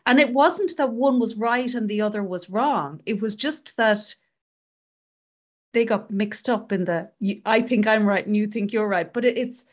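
A woman talking thoughtfully in a casual conversation, gently explaining an idea through a story. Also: mid-range voice, moderate pace. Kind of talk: reflective conversation.

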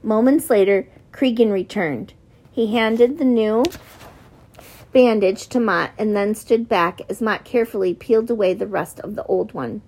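A woman's voice: medium pitch, measured pace, a little mellow. A woman reading a novel aloud as an audiobook narrator, giving the characters slight shifts in voice.

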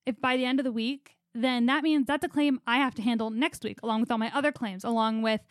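Her voice is fairly high with fairly even intonation and a fast pace as this young woman co-hosts a casual podcast. She talks at length, rambling and anxious in a chatty storytelling way, recorded with studio quality and no room sound.

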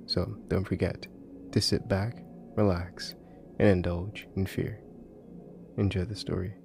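Deep, creaky man narrating horror from a closet. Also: little pitch movement, measured pace, darkish tone, soft background music. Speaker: horror story narrator and host. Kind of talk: scripted horror story narration. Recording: slightly muffled closet home recording.

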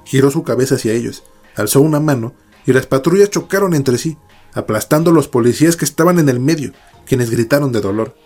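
A man narrates a dark first-person horror story, measured and dramatic, at a middle pitch. Faint music plays quietly beneath his voice. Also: lively intonation.

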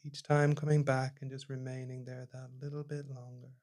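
A man leading a guided meditation, speaking slowly and calmly, his phrases trailing off softly at the ends. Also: medium pitch. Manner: slow, calm, soft-spoken, trailing off quietly at phrase ends. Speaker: meditation teacher.

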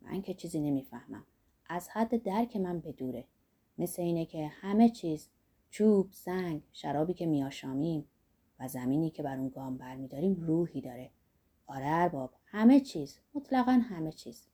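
A woman voicing a rough, lusty old man who talks bluntly and boastfully about life and age. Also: sits low, animated, dark tone, voice pushed down. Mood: earthy musing.

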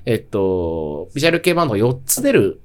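A man co-hosting a podcast, telling stories in casual chat, laughing often. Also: on the low side. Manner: animated, laughs often, quick storytelling. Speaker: podcast co-host.

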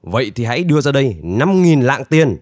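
A man voicing a stern, menacing bandit warrior in a storybook tale, talking in a gruff, commanding way. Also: mid-range voice, sing-song, fairly quick, darkish tone, dry recording, studio quality, natural voice. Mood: threatening. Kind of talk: storybook character voice.

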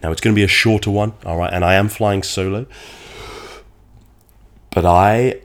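A man's voice: low voice, fairly even intonation, normal speed. A man with a nasal, congested voice from a cold, hosting a solo podcast in a conversational, wordy and slightly dramatic way. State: getting over a cold. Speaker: podcast host.

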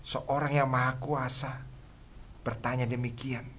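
A man delivers a sermon in a bright, forceful voice. He keeps calling his listeners brothers and sisters. He rises to full shouts when he acts out a blind man crying for mercy. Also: medium pitch, level tone, a little slow, a little hiss or hum. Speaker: preacher.

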